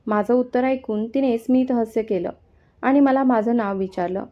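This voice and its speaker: A woman narrating a first-person story in a calm, steady reading voice. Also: a little high, normal speed. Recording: dull lo-fi sound.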